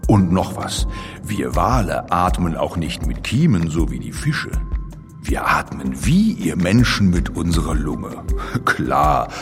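A man's voice: sits low, sing-song, slow pace, in a large hall, over music, exaggerated voice. A man playing an easygoing, boastful, friendly giant blue whale, explaining things colloquially in a playful children's audio feature. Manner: colloquial, addresses the young listener directly.

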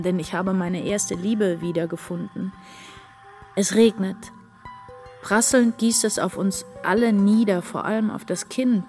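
A woman narrating in the first person in a dramatic literary reading, intense and halting. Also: lowish voice, a little mellow.

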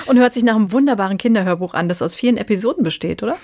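A woman hosting a radio conversation and asking quick questions. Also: medium pitch, animated, darkish tone, no room sound, studio quality. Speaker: radio host. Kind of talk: radio interview.

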